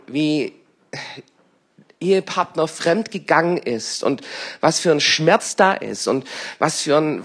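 A man in his fifties preaching a sermon as a pastor, hoarse with a scratchy smoker's rasp, deliberate and emphatic with pauses and repeated phrases. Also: fairly high pitch, fairly bright tone. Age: 50s. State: hoarse from a lingering irritated throat. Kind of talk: sermon to a congregation.

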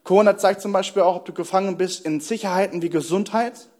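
A young man with a fairly high voice delivers a sermon as a pastor. He speaks earnestly, poses questions to his listeners and leans hard on important words. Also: a little mellow. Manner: earnest preaching with rhetorical questions and slow emphatic stresses.

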